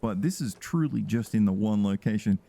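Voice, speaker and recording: A man's voice: on the low side, animated, fairly quick, gravelly, mellow, no room sound. A man co-hosting a podcast, chatting casually about a film and laughing often. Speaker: podcast co-host. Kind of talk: casual movie review chat.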